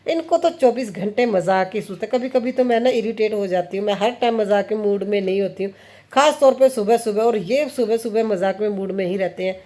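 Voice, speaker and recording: A woman's voice: mid-range voice, fairly quick, warm tone. A woman in her thirties from India, chatting casually about her family and her kitchen routine as she works, with frequent laughs. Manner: chatty, laughs often, quotes family conversations. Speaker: home vlogger, mother.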